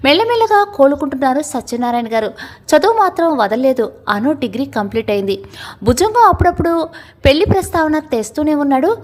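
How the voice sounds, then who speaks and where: A woman's voice: high voice, lively intonation, fairly quick. A woman narrating a family drama story from a script, reading every character's lines herself.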